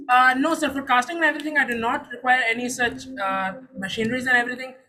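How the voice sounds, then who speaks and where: A young Saudi man runs through a startup pitch and Q&A quickly, his very high voice steady in tone yet pushed and bright. Earnest and formal, he respectfully calls his listeners "sir." The audio is poor.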